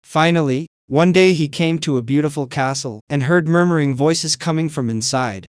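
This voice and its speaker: A man narrating a fairy tale in a calm, measured storyteller's voice. His pitch sits a little high for a man. The sound is dry and close. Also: clear, resonant tone, no echo.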